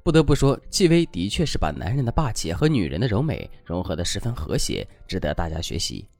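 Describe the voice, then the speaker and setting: A man's voice: fairly low pitch, big pitch swings, brisk, vocal fry, a little mellow, dry recording, soft background music. A man giving dating advice as a scripted, instructive lesson.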